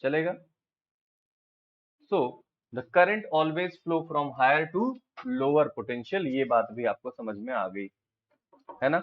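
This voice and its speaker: A physics teacher with an Indian accent, explaining things step by step and checking in with his students by asking them questions. He talks slowly and deliberately in a slightly high voice. The recording sounds dull and lo-fi. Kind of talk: classroom lecture, Hindi-English mix.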